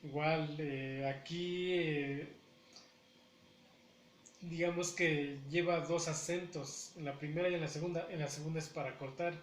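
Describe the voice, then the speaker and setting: A man teaching a language lesson, repeating each word slowly and breaking it into syllables. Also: a little high, fairly even intonation. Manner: repeats words syllable by syllable, deliberate. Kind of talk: slow pronunciation lesson. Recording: echoey room with faint ambient noise.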